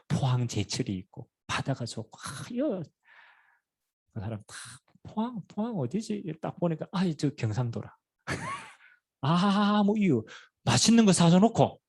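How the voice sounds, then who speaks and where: Middle-aged male pastor, Gyeongsang accent, husky tone, animated storytelling sermon. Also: high voice. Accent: Gyeongsang Korean. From Pohang, South Korea. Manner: lively storytelling preaching with rhetorical questions and humor.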